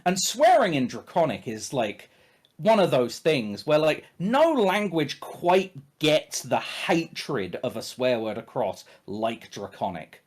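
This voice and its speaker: A man's voice: medium pitch, wildly swooping pitch, takes it slowly. A man running a tabletop game as game master, narrating off the cuff in a casual, emphatic way with plenty of swearing.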